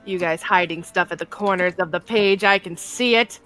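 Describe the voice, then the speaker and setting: A woman narrating a tabletop role-playing game as game master in a casual, halting way. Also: on the low side, sharp tone, soft background music.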